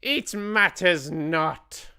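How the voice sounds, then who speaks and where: The Grand High Witch, shrill and imperious. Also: expressive, very slow, sharp tone, clean tone, no room sound, studio quality, heavily acted. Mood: snapping. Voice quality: shrill, hissing, theatrical. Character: shrieking, imperious old female witch leader. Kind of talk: storybook reading.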